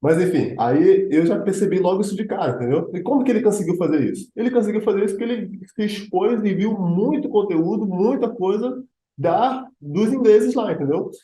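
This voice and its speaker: Relaxed talkative man, roomy sound. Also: high voice, a little fast. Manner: relaxed, lots of fillers like tipo and né. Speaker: host. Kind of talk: casual conversational explanation.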